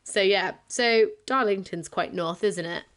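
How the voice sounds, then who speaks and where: A woman's voice: mid-range voice, a little slow, a bit bright, clean tone. A young woman from Bristol with a Bristolian accent, co-hosting a podcast and presenting folklore research in a chatty, self-deprecating way. She sounds very tired. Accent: Bristolian English. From Bristol, England. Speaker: podcast co-host.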